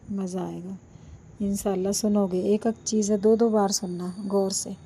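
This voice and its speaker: A woman vlogger with a sore throat, talking slowly and softly to her viewers and pleading for their support, recorded without a microphone. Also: mid-range voice, slight background noise. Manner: slow, soft-spoken, pleading. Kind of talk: casual chat to viewers. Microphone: no microphone, built-in device mic.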